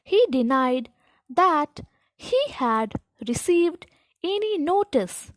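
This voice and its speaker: High voiced lady doing slow school dictation, short careful phrases w pauses, really dry sound. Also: very animated, no echo. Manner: deliberate, halting phrase-by-phrase reading. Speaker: dictation instructor.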